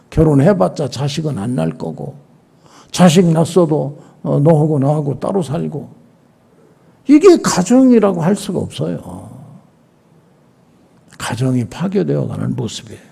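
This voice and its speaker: A man's voice: on the high side, vocal fry, mellow, breathy edge. An older man, a senior pastor, preaching a sermon, asking rhetorical questions and acting out little scenes as he goes.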